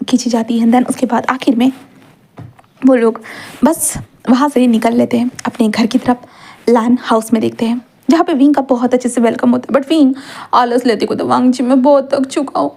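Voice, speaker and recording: A woman narrating a story in a relaxed, chatty manner, slipping English words into her telling. Her voice is notably high. The tone is soft and mellow rather than bright.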